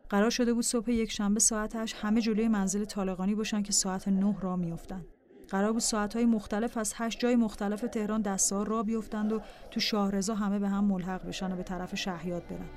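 Calm woman reading a diary aloud. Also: mid-range voice, slight background noise. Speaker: narrator. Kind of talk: scripted memoir narration.

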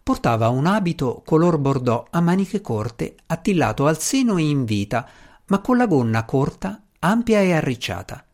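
A man narrating an audiobook chapter in a measured, even reading voice. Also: on the high side. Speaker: audiobook reader.

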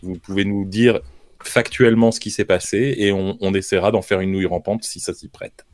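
A man's voice: low-pitched, fairly even intonation, normal speed, a little mellow, dry recording. A man hosting a casual show, making spontaneous announcements in a hesitant way, repeating words as he goes. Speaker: show host.

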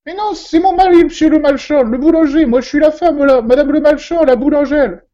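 A man voicing a middle-aged village baker's wife in a comic radio sketch, shrill and rambling in her plain country way. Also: brisk, mellow, lo-fi sound. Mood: panicked.

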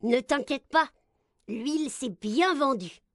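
A lazy, sly little male earwig, as a woman storyteller puts him on whines and wheedles in a very high, squeaky voice. He drags his words out slowly and sounds falsely sweet. The storybook reading is dry and close. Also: lively intonation, dry recording.

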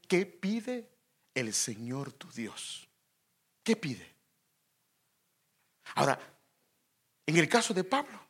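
A preacher giving a sermon who addresses the congregation directly and emphatically, often asking rhetorical questions. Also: medium pitch. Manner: lively, emphatic.

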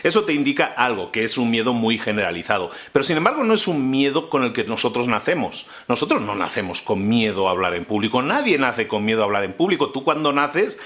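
A man's voice: medium pitch, big pitch swings, quick pace, hardly any pauses, fairly bright tone. A man acting as a mentor, giving a casual instructional talk that repeats key phrases for emphasis and hesitates often with "eh". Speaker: mentor giving speaking advice.

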